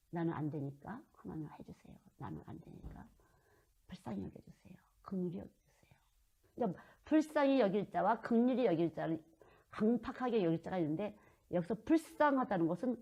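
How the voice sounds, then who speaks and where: A woman's voice: mid-range voice, warm tone. A middle-aged woman preaching a sermon, earnest and acting out pleading prayers to God. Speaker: children's missionary preacher.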